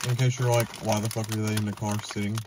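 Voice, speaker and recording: Low-voiced man crunching chips in noisy car. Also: level tone, fast. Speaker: snack review co-host. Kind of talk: casual food review chat, crude joking. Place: inside a parked car. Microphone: camera on dashboard, a little away. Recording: slightly distant, noisy crinkling and clicking.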